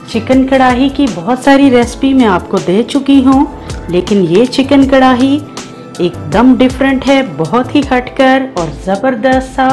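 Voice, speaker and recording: Expressive and unhurried, a woman with a high, darkish-toned voice and a Pakistani Urdu accent hosts a cooking show. She patiently explains the recipe one step at a time, full of enthusiasm for the dish. Faint music runs beneath the voice-over.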